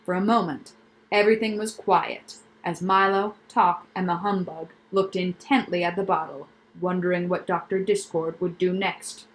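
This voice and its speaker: An expressive woman reads a children's book aloud to students. Her storytelling is animated and lively. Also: fairly low pitch, moderate pace, rough recording. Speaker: teacher reading aloud.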